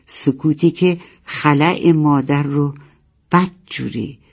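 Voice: medium pitch, steady tone, vocal fry. A storyteller reading a children's story aloud and giving the characters their lines.

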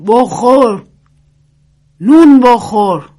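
A woman's voice: medium pitch, a little mellow, voice pushed up, natural voice. A woman reading a storybook gives voice to a stern, devout old peasant woman who speaks with commanding authority. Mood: urgent. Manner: commanding, scolding.

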